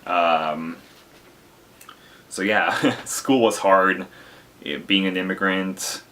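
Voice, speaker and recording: A man's voice: low-pitched, very slow, bright, forceful tone. A young man from Lithuania sharing a personal spoken reflection, hesitant and full of fillers and restarts. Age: young adult. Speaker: college student.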